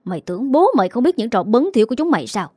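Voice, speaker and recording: A woman's voice: fairly high pitch, big pitch swings, rapid-fire, warm tone, no echo, studio quality. A woman narrator voicing an enraged husband who speaks harshly and coldly, in an audiobook story. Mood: angry.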